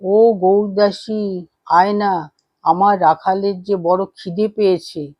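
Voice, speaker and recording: A man's voice: high-pitched, slow, no room sound, muffled recording, exaggerated voice. A man reading the lines of a playful holy master calling to his young disciple.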